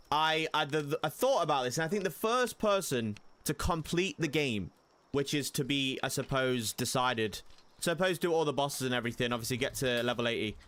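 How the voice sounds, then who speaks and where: A man's voice: mid-range voice, a bit bright. A young man giving casual gameplay commentary as a streamer, chatty and prone to sudden panicked yelps. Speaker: gaming streamer.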